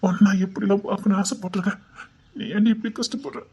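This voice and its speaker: In a village romance drama, a woman voices a caring young village man who fusses over his sweetheart, fast and coaxing. Her medium-pitched voice is warm and husky, with fairly even intonation.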